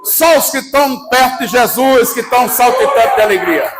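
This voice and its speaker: A Brazilian man preaching a sermon as pastor, fervent and shouting, calling the congregation to answer back. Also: extremely high pitch, fairly quick, heavy background noise. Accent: Brazilian Portuguese. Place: church service.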